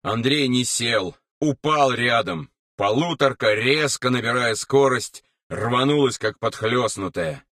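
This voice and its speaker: A man reading an audiobook in a measured, unhurried way. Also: mid-range voice, fairly bright tone, no echo, clean studio sound, far from the mic. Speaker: narrator. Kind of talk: audiobook narration.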